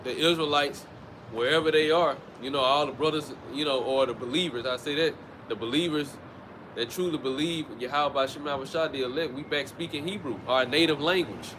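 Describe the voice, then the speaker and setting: With a voice on the high side and a fairly quick delivery, a street preacher teaches by the roadside. He keeps it casual and conversational, repeatedly restarting phrases, as traffic rolls past.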